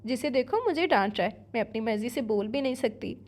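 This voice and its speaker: A woman's voice: a little high, darkish tone, natural voice. A woman voicing a headstrong young wife, a student who answers back in petulant, indignant lines. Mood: furious.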